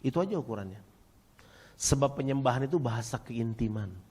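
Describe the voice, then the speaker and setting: A male pastor preaching a sermon, talking straight to the congregation and calling for their replies, swinging from near-shouts down to quiet, low passages. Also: animated, brisk, breathy edge. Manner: emphatic preaching, rising to near-shouts, then dropping quiet; addresses congregation directly, asks for replies.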